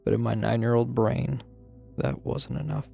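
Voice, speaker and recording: Over background music, a man performs a horror-story confession of a grim childhood memory as a guilt-ridden, troubled narrator. His voice is gravelly and husky yet warm, medium-pitched and steady at a normal pace. He sounds anxious and guilty, brooding and dramatic.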